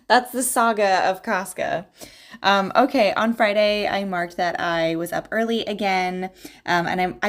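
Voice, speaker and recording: A young adult woman talking casually while she goes through her planner, rambling with lots of fillers and giggles. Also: on the low side. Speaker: planner vlogger and balloon entertainer. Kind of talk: casual chatty narration.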